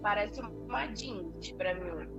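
A woman's voice: mid-range voice, lively intonation, slow pace, music in the background. A woman calling in to a live stream over a crackly cordless phone line, talking in a plain, matter-of-fact way. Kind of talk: casual phone chat. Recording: muffled lo-fi phone audio.

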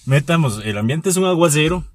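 A man's voice: on the high side, expressive, brisk, dry recording. A young man, co-hosting a casual podcast, teasing and bursting into laughter. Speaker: podcast co-host. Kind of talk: casual chat with playful acting.

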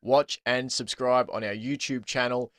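A man's voice: mid-range voice, steady tone, measured pace, no echo, studio quality. Chatty Australian man hosting a footy podcast. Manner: chatty, laughs often, many ums. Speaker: podcast host. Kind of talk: casual sports podcast chat.

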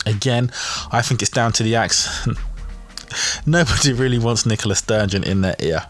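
A man's voice: lowish voice, brisk, soft background music. A man hosting a podcast, chatting in a cheeky, gossipy way and laughing at his own jokes. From England. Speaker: podcast host. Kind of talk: casual comedic commentary.

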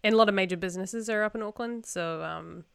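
A woman's voice: medium pitch, fast, gravelly, smooth, no echo. A young woman from New Zealand co-hosting a podcast, telling stories in an informal, self-amused way. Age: young adult. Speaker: podcast co-host. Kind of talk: casual conversational storytelling.

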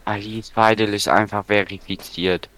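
A man's voice: on the low side, little pitch movement, normal speed, a bit bright. A young man chatting casually as a podcast co-host in a blunt, teasing, slangy way. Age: young adult. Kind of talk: casual chat.

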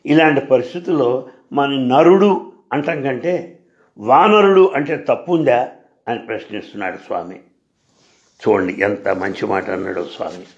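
A man, a spiritual teacher, answers listeners' questions in a measured devotional discourse. He asks rhetorical questions and repeats phrases. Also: medium pitch, lo-fi sound.

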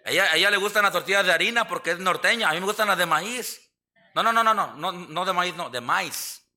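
Mexican pastor guy preaching in church, kinda high and super bright voice, jokey and folksy. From southern Mexico. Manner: folksy, joking, asks the congregation for amens. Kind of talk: sermon.

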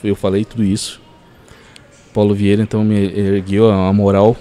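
A man with a fairly low voice speaks at a normal pace, telling a story as a guest on a podcast. He's an animated storyteller whose speech is packed with fillers like "cara" and "assim, ó".

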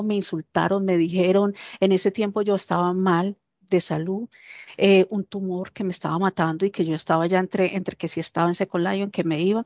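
A woman casually recounting a personal story, lively and animated, acting out the lines of the people in it. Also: lowish voice, dry recording. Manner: animated, acts out quoted dialogue. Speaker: interviewee. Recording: dull, dry lo-fi recording.

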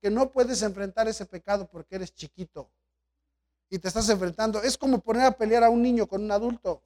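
A man preaching a sermon as pastor, swinging between loud exhortation and quiet storytelling asides. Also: sits high, brisk.

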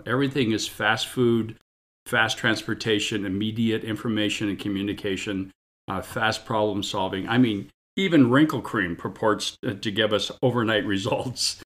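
A man preaching a casual, lively sermon, joking and asking his listeners questions. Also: medium pitch. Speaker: pastor.

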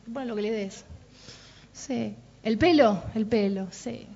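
Speaking slowly, this parenting workshop speaker has a slightly high, gravelly voice that is warm with a breathy edge. She uses Rioplatense Spanish and chats informally, often tossing in "¿no?" or "¿sí?" to check on her audience, and the lo-fi recording sounds dull.

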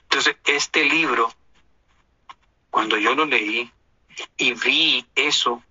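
A man with a Honduran accent speaks slowly and with emphasis, sounding indignant and preachy. His voice is bright and forceful. The recording is dry and a little dull, like lo-fi audio. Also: medium pitch, husky, no echo. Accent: Honduran Spanish. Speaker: commentator. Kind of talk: opinion monologue.

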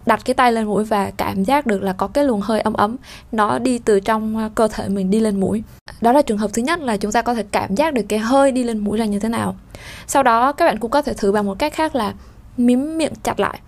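Woman teacher, higher pitch, patient explanatory lesson delivery. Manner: explanatory, many fillers, demonstrates vowel sounds. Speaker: French pronunciation teacher. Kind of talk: spoken lesson.

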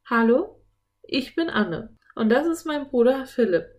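A woman reading a children's audiobook, voicing an excitable, curious young girl who pleads and cries out in a high, breathless voice. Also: moderate pace, gravelly, highs cut off. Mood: excited girl.

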